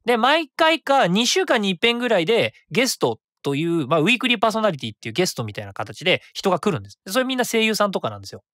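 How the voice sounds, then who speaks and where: A man in his thirties hosts a solo web radio show, rambling casually and correcting himself along the way in a quick, animated manner. His voice sits high, and the studio-quality recording has no echo.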